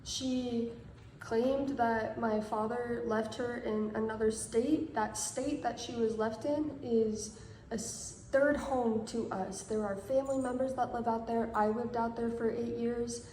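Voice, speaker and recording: A woman in her twenties giving a measured, earnest statement straight to camera. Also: a little high, steady tone, warm tone, roomy sound, a little hiss or hum, poor audio. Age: 20s.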